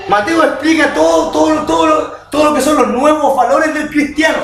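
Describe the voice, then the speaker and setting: A middle-aged man preaching a sermon, animated and often asking the congregation if they agree. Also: very high voice. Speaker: pastor. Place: church hall. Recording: echoey hall, distant mic, music behind.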